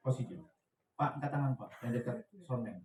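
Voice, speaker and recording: A man's voice: mid-range voice, lively intonation, fairly quick, reverberant, recorded from a distance, crowd noise, low-quality recording. A man preaching as a pastor in a church, chatty and joking, with slangy asides and laughter. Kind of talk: lively conversational sermon.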